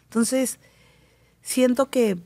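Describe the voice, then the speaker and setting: Gravelly-voiced Mexican woman telling stories. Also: fairly high pitch, drawn-out words, dry recording. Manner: animated storytelling, acting out quoted voices. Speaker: guest. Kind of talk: casual talk show conversation.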